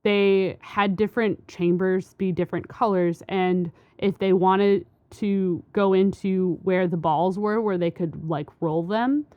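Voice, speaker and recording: Woman, podcast co-host, unhurried, smooth voice, rambling fillers, dull dry recording. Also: medium pitch, steady tone, dry recording. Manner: rambling with frequent fillers and restarts. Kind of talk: casual science chat.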